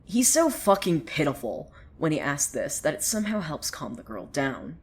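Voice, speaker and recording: A woman with a low-pitched, very animated voice plays a sardonic, opinionated storyteller in a fiction podcast, gossiping about the townsfolk. At normal speed she narrates conversationally in the first person, dramatic yet wry and suspenseful, with gossipy asides.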